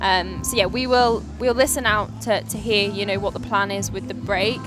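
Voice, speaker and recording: A woman's voice: medium pitch, steady tone, normal speed. A woman co-hosting a livestream commentary, chatty, laughing often and full of fillers, who works as a vet and trains as a bodybuilder. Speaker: livestream co-host. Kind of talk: casual live commentary. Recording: music playing behind.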